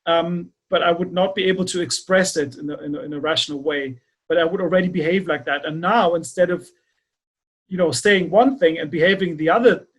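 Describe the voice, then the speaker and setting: A man hosting a podcast, speaking haltingly and repeating words as he searches for the right phrasing in a reflective conversation. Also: on the high side, fairly bright tone. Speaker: podcast host.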